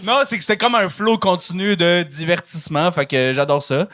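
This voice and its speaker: A man's voice: high voice, fairly even intonation, fairly quick, fairly bright tone. A man with a Quebec French accent hosting a comedy show, giving a comedian teasing, encouraging feedback.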